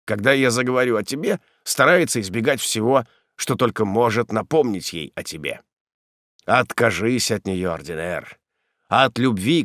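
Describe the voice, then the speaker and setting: A man's voice: mid-range voice, fairly bright tone, no echo, studio quality, lightly acted. A man reading a grave old count in a storybook. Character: old former count, bitter prisoner turned gentle.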